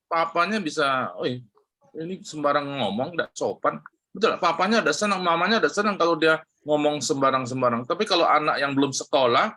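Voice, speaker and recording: A man teaching a lesson on prayer, animated and often asking his listeners questions. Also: a little high. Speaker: church teacher.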